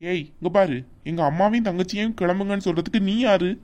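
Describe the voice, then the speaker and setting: A woman's voice: medium pitch, fast talker, a little mellow, lightly acted. A woman voicing a hot-tempered young man in a cartoon, scolding his family with indignant outbursts. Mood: annoyed. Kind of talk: animated cartoon voice acting.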